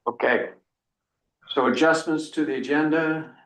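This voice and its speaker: A man's voice: on the high side, steady tone, a bit bright. Man chairing a meeting, echoey room. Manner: procedural, firm, measured. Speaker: selectboard chair. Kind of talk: town meeting proceedings.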